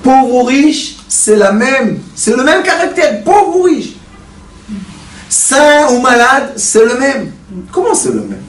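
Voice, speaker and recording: A man, a rabbi, giving a Torah class to a live audience, telling stories and throwing rhetorical questions at the listeners in an animated way. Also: very high voice, takes it slowly. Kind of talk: Torah lecture with storytelling. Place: study center hall with a mixed audience. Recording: echoey room, distant mic, faint noise.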